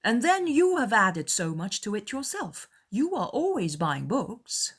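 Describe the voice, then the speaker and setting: A woman's voice: a little high, big pitch swings, measured pace, slightly rough, pitched above the performer's own voice, exaggerated voice. A woman voicing a haughty, fawning young society lady in a dramatized period novel. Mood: gushing, superior.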